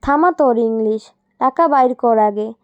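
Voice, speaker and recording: Woman putting on a cranky shopkeeper man, speech, rough scolding, high voice, dull dry audio. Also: unhurried, dry recording. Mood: angry. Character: grumpy middle-aged male tea-stall keeper.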